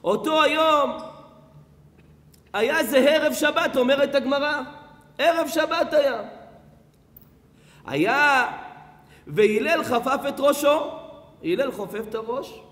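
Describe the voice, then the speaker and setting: Animated rabbi preaching in echoey hall. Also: male voice, very high-pitched, long pauses. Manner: animated storyteller, joking, chants Talmud phrases. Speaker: rabbi giving a lecture. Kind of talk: sermon storytelling.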